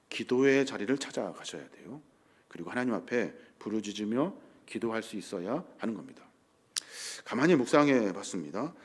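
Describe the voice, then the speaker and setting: A man's voice: lowish voice, darkish tone. Middle-aged man preaching an earnest sermon. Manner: earnest preaching, acts out quoted lines with rising emphasis. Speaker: pastor.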